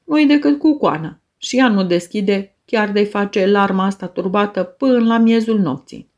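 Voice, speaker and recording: A woman voicing a sour, grumbling old male farm servant who shouts his lines in an audiobook. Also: mid-range voice, close to an everyday voice. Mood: gruff shouting.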